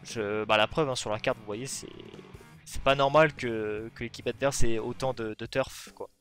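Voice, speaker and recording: A man talks through his own match as he plays it, bursting into yelps at close calls before easing back into chatty play-by-play. His voice sits at an ordinary middle pitch, close on a gaming mic. Faint music runs behind him. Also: moderate pace. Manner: excitable, shouts at plays then talks himself down. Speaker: gaming video host. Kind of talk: live gameplay commentary. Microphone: headset or desk mic.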